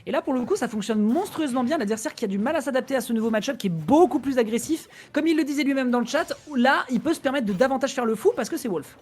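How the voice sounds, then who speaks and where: Fast-talking esports caster. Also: sits high, lively intonation, a little mellow, slight background noise. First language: Italian. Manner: rapid, analytical, quick self-corrections. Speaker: co-commentator. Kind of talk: esports play-by-play commentary.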